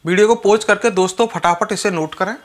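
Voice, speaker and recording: A man's voice: sits high, fairly quick. A male chemistry teacher lecturing students, repeating each point and speaking to them directly. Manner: repetitive, instructive, addresses students directly. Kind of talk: classroom lecture.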